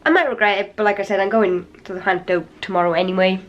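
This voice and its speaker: A woman's voice: mid-range voice, fairly even intonation, fast talker, dull audio. Tired, wheezy woman vlogging. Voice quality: slightly raspy. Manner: chatty, rambling, tired. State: wheezy and a little out of breath from a cold. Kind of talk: casual vlog chat to camera. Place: hotel room, indoors. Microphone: handheld camera.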